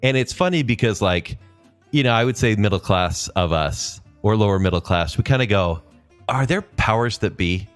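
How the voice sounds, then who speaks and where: Man hosting a podcast, casual chat; teasing, laughs often, low voice that swings widely. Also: animated, moderate pace, clean tone, soft background music. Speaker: podcast host.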